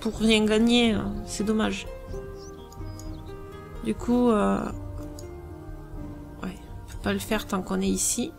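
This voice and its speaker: A woman hosting a let's play, thinking aloud through strategy gameplay in a musing, hesitant way with many pauses. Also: mid-range voice, fairly even intonation, gravelly, over music.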